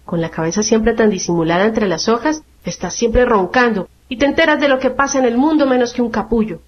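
A woman's voice: fairly high pitch, fairly quick, natural voice. A woman voices a haughty talking lily that orders everyone about. Her tone is raised and imperious, and the storybook reading comes through a dull lo-fi radio sound. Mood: bossy. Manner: bossy, snapping, imperious. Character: haughty irritable talking tiger lily flower.

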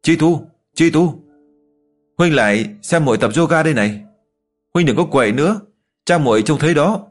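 Guy putting on a bashful young woman's voice, soft and stammery, pitched up, audiobook story. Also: expressive, fairly quick, faint music behind. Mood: dreamy. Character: young woman, shy and lovesick, troubled.

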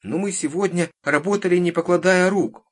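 A man's voice: high-pitched, moderate pace, voice pushed up. Man doing a plucky little girl. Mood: pleading. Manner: pleading, persistent. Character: bold, lively little girl.

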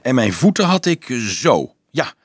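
A man's voice: mid-range voice, sing-song, measured pace, husky, no echo, studio quality. A man voicing an eager young tanner boy in a storybook reading, tumbling over his explanations.

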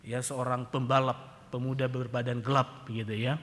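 A male pastor preaching emphatically in a church, swelling to loud declarations and dropping low for storytelling. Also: little pitch movement, normal speed, a little hiss or hum. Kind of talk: sermon. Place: church hall. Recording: reverberant church hall.

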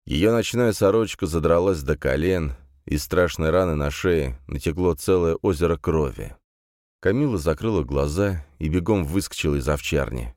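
A man narrating an audiobook in a steady, measured reading. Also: very deep voice, no room sound, studio quality. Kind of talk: scripted narration.

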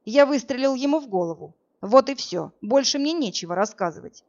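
A woman reading an audiobook, voicing a calm, protective man who talks in a steady, reassuring way. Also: sits high, a little fast, highs cut off, pitched above the performer's own voice. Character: calm protective man, tough bodyguard type.

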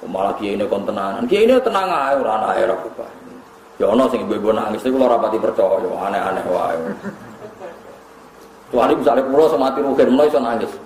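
A man's voice: lowish voice, expressive, fast, a little mellow, reverberant, slight background noise, poor audio. A man with a Javanese accent giving a humorous religious lecture, mixing joking asides with recited Arabic. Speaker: preacher.

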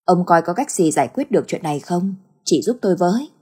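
A woman's voice: on the low side, expressive, fairly quick, dark tone, slightly rough. A woman voicing a weary, helpless grandfather who pleads for help. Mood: weary pleading.

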